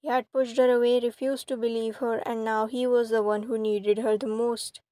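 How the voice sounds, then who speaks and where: A woman narrating a romantic fan fiction story in a steady, even reading voice. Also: a little high, moderate pace, dry recording.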